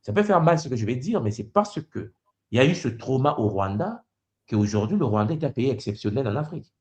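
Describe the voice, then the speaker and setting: A man's voice: mid-range voice, very animated, a little fast, a little mellow. A man hosting a conversation, pressing his points and often cutting in to steer the talk. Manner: probing, interrupts to press a point. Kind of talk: conversational debate.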